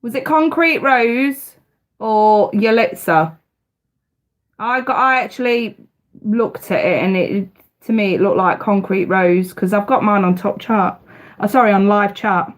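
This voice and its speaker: A congested-sounding woman chats casually with viewers as she hosts a live tarot stream, speaking to them directly. Her voice sits at medium pitch and moves at a measured pace.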